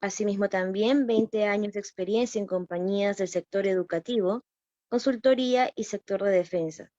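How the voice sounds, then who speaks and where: A woman's voice: mid-range voice, normal speed, warm tone, no room sound. A woman moderating a webinar, formally reading a prepared introduction of the guest. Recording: dull, dry lo-fi call audio.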